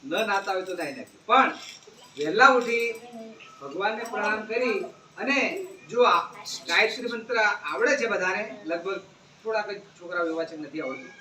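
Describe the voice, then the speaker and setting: A man giving an animated moral talk to schoolchildren, often asking them questions. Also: high voice, moderate pace, a crowd in the background. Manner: animated, asks the children questions. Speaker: speaker addressing schoolchildren. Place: school gathering. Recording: echoey room, distant mic, faint ambience.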